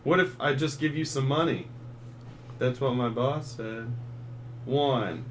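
A man's voice: mid-range voice, a little hiss or hum. A man co-hosting a casual watch-along, joking around in playful asides. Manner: playful, jokey, quick announcer-style bits. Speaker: co-host of a wrestling watch-along. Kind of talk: casual chat.

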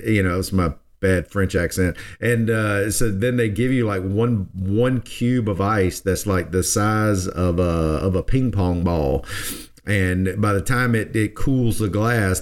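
A man from South Georgia, hosting a podcast in casual, rambling chat full of restarts. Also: on the low side. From South Georgia, USA. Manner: rambling, folksy, with many restarts. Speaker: podcast host.

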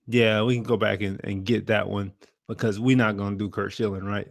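A man co-hosting a podcast, talking sports in an animated, slangy, joking way. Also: on the low side, fairly quick, gravelly, dry recording, studio quality. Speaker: podcast co-host. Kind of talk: casual chat about sports.

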